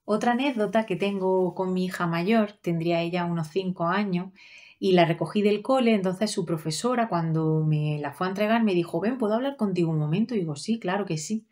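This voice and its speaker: Woman telling a lively personal story. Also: on the low side, a little fast. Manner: animated storytelling, acting out her child's and teacher's voices. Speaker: mother telling her experience. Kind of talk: personal anecdote, conversational.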